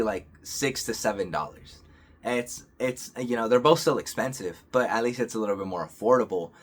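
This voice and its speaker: A young man vlogging, telling a personal story in a calm, earnest, rambling way with many restarts and fillers. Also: fairly low pitch, husky. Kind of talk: casual storytelling to camera.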